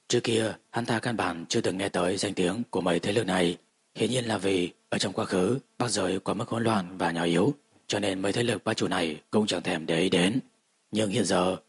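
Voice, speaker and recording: A man giving steady, even scripted narration of a fantasy audiobook. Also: deep voice, a little fast, slightly rough.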